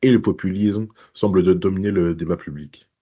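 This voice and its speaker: Man, interview host, Belgian French accent, very low voice, dark tone, casual hesitant questions. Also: steady tone, a little fast. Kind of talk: hosting an interview.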